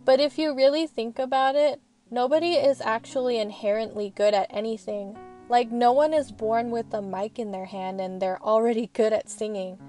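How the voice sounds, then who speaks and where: Chatty young woman over soft music. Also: on the high side. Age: young adult. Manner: chatty, earnest, frank. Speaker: student vlogger. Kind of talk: casual voice-over ramble. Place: parked car.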